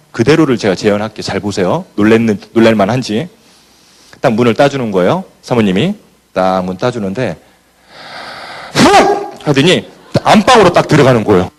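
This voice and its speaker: Male business leader at a seminar, expressive and lively, plays out his anecdotes. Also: lowish voice. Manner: animated storyteller who acts out scenes. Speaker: business leader giving a motivational talk. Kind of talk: motivational speech with storytelling.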